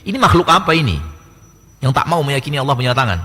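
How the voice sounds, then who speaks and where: A man's voice: medium pitch, big pitch swings, fast, pushed and bright, breathy edge. A man preaching a lecture sermon, full of rhetorical questions and mock back-and-forth dialogue. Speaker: Islamic preacher. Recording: long reverb hall.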